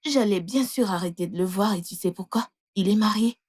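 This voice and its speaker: Defiant young mistress played by a woman, scornful, mid pitch, dubbed film. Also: brisk, a little mellow, breathy edge, natural voice. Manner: mocking, scornful.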